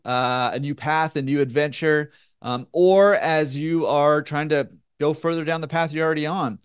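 A man's voice: on the high side, smooth. A man hosting a podcast, upbeat and encouraging, talking casually with many fillers. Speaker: podcast host.

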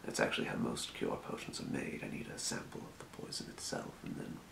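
Seated at a desk in a small room, a man whispers breathily and without hurry as a helpful old-world fantasy potion seller in an ASMR scenario. Quietly businesslike, he murmurs, mutters to himself and explains calmly. His voice sounds natural, the space roomy, and the background noisy.

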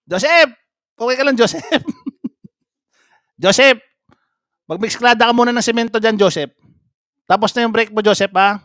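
Male reaction vlogger, very high voice, dry close sound, teasing and laughing. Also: steady tone, fast, fairly bright tone, dry recording. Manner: mocking, repeatedly calls out a name, laughs often. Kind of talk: casual reaction commentary.

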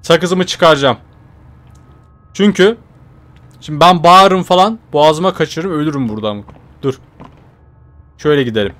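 Jumpy young man gaming, fairly high voice. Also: moderate pace, long pauses, faint music behind. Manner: jumpy, swings from muttering to startled shouts; chatty, addresses viewers directly. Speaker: gaming YouTuber. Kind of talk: horror game let's play commentary.

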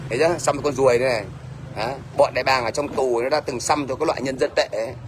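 This is a middle-aged man, Northern Vietnamese by accent, whose mid-range voice moves fast with fairly even intonation. He scolds a livestream commenter bluntly in a rant, frequently asking "thấy chưa?" There is faint background noise.

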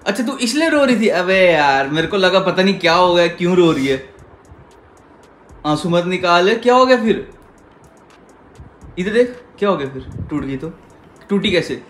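Chatty young man vlogging, high voice. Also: lively intonation, normal speed, long pauses, fairly bright tone. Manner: chatty, teasing, addresses viewers directly. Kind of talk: casual vlog chat.

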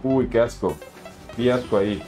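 A man's voice: medium pitch, normal speed, darkish tone, faint music behind. A young man with a Mexican accent, casually commenting on his game live and answering chat in slangy, chatty talk. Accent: Mexican Spanish. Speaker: streamer.

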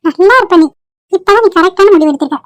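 A fretful old grandmother, voiced by a woman wails and pleads in a high, thin voice. This is a homemade cartoon with dry, close audio. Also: quick pace, no echo. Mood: relieved. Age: older. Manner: wailing, pleading, high-pitched. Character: fretful elderly grandmother, weepy yet kindly. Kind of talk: amateur cartoon voice acting.

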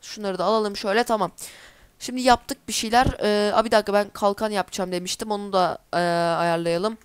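A woman's voice: medium pitch, fairly even intonation, fairly quick, clean tone, no room sound. A woman giving casual let's-play commentary, chatty and easily exasperated, talking to herself as she plays. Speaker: gameplay commentator.

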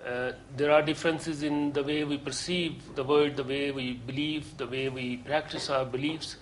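Earnest male lecturer, fairly high voice. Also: fairly even intonation, a little hiss or hum, low-quality recording. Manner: earnest and deliberate, with frequent hesitations. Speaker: course lecturer. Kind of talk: lecture to a seminar group.

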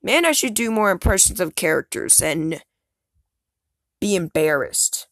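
A woman hosting a gaming channel, talking casually through her theories in a rambling, excitable way, full of "like" and "um", recorded on a phone screen recorder. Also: on the low side, a little slow, no echo, clean studio sound. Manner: rambling, filler-heavy, excitable, trails off. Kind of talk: casual theory talk over gameplay.

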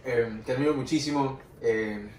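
A man's voice: mid-range voice, moderate pace, darkish tone. A young man, a musician guest in a casual interview, explaining things patiently with examples. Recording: roomy, distant mic with faint noise.

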